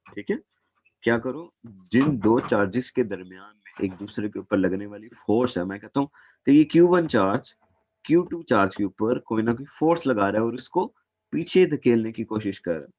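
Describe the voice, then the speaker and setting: Low-voiced man teaching physics. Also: animated, moderate pace, a little mellow, dry recording. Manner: patient, repeats points, calls students "beta". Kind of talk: classroom lecture.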